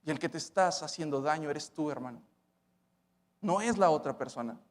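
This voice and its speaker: A male pastor preaching a sermon, swinging between loud emphatic lines and hushed ones. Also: on the high side, lively intonation, moderate pace. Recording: church hall reverb.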